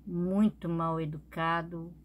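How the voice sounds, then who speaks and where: A woman's voice: fairly low pitch, little pitch movement, takes it slowly, lo-fi sound. A woman vlogger telling a personal story in a casual, chatty way, often adding little tag questions.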